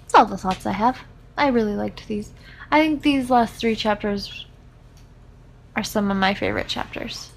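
A woman's voice: mid-range voice, animated, moderate pace, vocal fry, pauses often, slight background noise. Chatty woman co-hosting a book podcast. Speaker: podcast co-host. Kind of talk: casual chat about a book.

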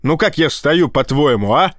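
A man voicing a hot-tempered male police vice-admiral who swears in loud, agitated outbursts. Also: fairly high pitch, animated, moderate pace, dry recording, studio quality.

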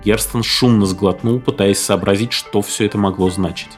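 A man's voice: on the low side, fairly even intonation, normal speed, soft background music. A man narrating a story and voicing all of its figures himself. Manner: acts out every figure's lines himself. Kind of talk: audiobook narration.

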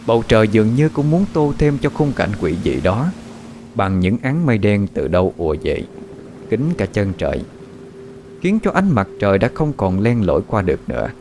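A man narrating a horror story in a dramatic, expressive style. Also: on the low side, normal speed, slight background noise. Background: faint background music.

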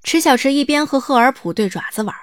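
A woman reading the narration of an audio drama in a smooth, lightly wry storytelling manner. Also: high-pitched, expressive, fast talker, a little hiss or hum.

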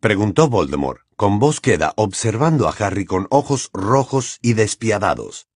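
A man reading a fantasy novel aloud with dramatic, expressive narration. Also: fairly low pitch, moderate pace, slightly rough, no echo, clean studio sound. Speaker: audiobook reader.

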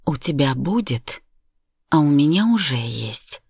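A coldly composed ex-wife, as a woman reads her, her low voice level and metallic in its calm. Dry and close. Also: unhurried, vocal fry, slightly rough, no room sound, exaggerated voice. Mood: icy. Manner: even, cool, controlled.

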